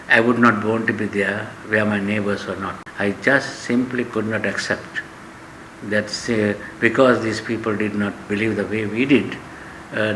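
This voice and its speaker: There's background noise as an older Sri Lankan man, a professor, lectures in class and muses on his own life. He has a fairly low pitch and a Sri Lankan accent, speaking with earnest, measured phrasing and many pauses.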